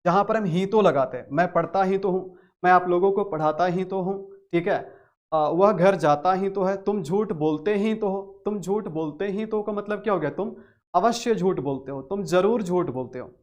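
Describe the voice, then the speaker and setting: A man's voice: sits high, moderate pace, highs cut off. A man with a Hindi accent teaching a spoken English grammar lesson, repeating key phrases and stressing words hard.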